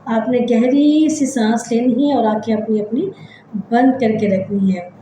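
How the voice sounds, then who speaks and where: A woman with a fairly high voice hosts a psychology channel and gently talks listeners through a body scan meditation, step by slow, repetitive step. The audio is poor, very echoey, with a little hiss or hum.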